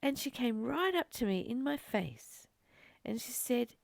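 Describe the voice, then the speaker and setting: Her voice sits a little high and creaky, moving at a measured pace as she leads a spiritual study. The talk is reflective and conversational, expressive in tone, with key ideas stressed through emphatic repetition. No room sound is audible.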